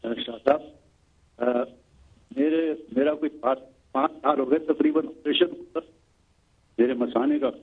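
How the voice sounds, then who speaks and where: Male caller, hesitant and husky, voice breaking up over a thin, tinny phone line. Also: fairly high pitch, very animated. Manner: halting, hesitant speech. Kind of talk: phone-in question to a radio show.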